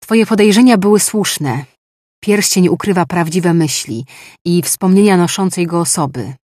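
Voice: mid-range voice, normal speed, a little mellow, dry recording, studio quality, close to an everyday voice. A reader voicing a grave male magician. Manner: serious, reporting. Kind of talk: audiobook dialogue.

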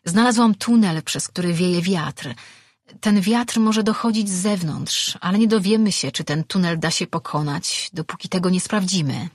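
A man's voice: high-pitched, normal speed, no room sound, studio quality. Man putting on an earnest young woman explorer. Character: young woman cave explorer, a cautious thinker.

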